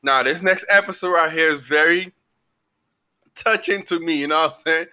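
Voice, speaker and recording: A man's voice: fairly high pitch, normal speed, bright, forceful tone. A young man from Liberia hosting a podcast, talking casually in a laid-back, slangy way and thanking his listeners. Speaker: podcast host.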